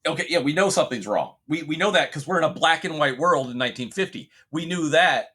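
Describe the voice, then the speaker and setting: A man chatting on a podcast with a bright, husky voice. He rambles through his points, restarting sentences and swearing freely. It's loose, unscripted talk among friends. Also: fairly high pitch, lively intonation, quick pace. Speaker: podcast co-host. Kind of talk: casual chat.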